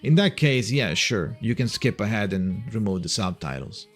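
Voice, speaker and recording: A man's voice: on the low side, lively intonation, normal speed. Italian guy streaming, reading chat out, lots of restarts, bit of music under it. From Italy. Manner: rambling, reads chat aloud, frequent restarts. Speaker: livestream host. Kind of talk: casual chat with viewers.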